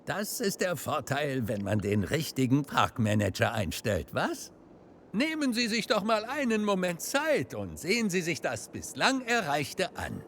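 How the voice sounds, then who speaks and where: Wry, highly animated male park guide. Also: measured pace, a little hiss or hum, exaggerated voice. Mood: proud, upbeat. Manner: jaunty, wry, self-deprecating. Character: genial, joking male dinosaur park host and guide. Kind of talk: scripted video game character dialogue.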